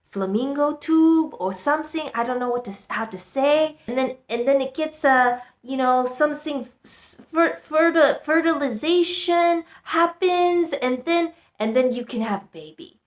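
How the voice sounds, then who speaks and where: A woman's voice: sits high, pitched above the performer's own voice. A woman putting on her anxious immigrant mother, a native Chinese speaker who gropes for English words. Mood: explaining. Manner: halting, groping for English words. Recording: roomy echo.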